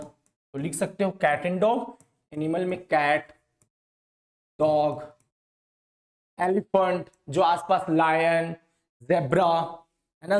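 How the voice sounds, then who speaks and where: Male teacher, fairly high voice, repeats and quizzes the class. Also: a little mellow. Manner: repetitive call-and-response questioning. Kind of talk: classroom science lesson.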